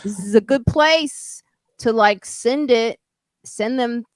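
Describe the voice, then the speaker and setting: A woman's voice: fairly high pitch, takes it slowly, dry recording. A woman hosting a podcast in casual, bantering chat. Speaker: podcast host.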